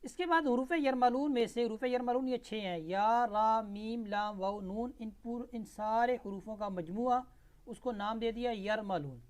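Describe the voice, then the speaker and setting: A man with a high voice teaching Quran recitation, stretching each syllable slowly as he spells out the verses. Between the recited words he slips into quicker, plain explanations of the rules, like a patient tutor going letter by letter. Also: a little mellow. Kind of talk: Tajweed lesson with slow recitation.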